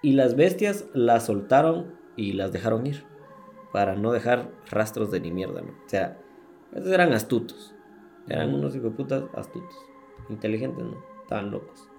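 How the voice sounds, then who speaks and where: A man's voice: mid-range voice, expressive, moderate pace, gravelly, a little mellow, soft background music. A man with a Guatemalan Spanish accent hosting a podcast, retelling true-crime cases in a crude, slangy way with swearing and laughter. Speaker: podcast host. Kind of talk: casual true-crime storytelling.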